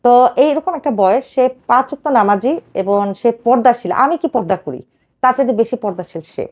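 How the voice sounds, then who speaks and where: A woman in her thirties tells her own life story to a host, fast and emotional, with many fillers. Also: on the high side, expressive, darkish tone, muffled recording. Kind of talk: personal life story told to a radio host.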